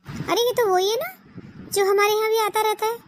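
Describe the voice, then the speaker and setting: A woman's voice: very high-pitched, fairly even intonation, brisk. A woman playing a suspicious young village wife in a comic sketch, questioning her husband. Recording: loud background noise.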